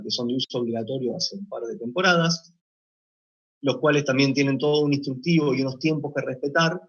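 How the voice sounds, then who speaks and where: A man giving a measured technical conference presentation, explaining point by point with occasional hesitations. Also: mid-range voice. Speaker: meat plant deputy manager presenting. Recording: dull lo-fi recording.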